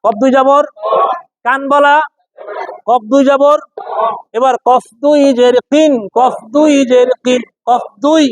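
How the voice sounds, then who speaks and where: Man, Quran reading teacher, classroom drill, repetitive call-and-response, very high-pitched voice. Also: fairly even intonation, dry recording. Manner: repetitive, calls out questions, drawn-out chanting of letter names.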